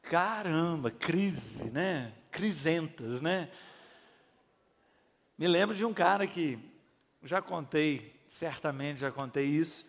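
A man's voice: fairly high pitch, animated, takes it slowly, big-room sound. A middle-aged male pastor preaches in a folksy, conversational way, asking the audience questions and acting out voices as he tells stories. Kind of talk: sermon with storytelling.

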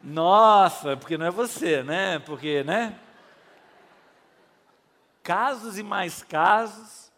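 Preaching in a large hall, a middle-aged male pastor tells stories in a homespun, chatty manner, posing questions to listeners and performing different voices. He speaks slowly with frequent pauses, using a high-pitched, slightly bright voice with lively intonation.

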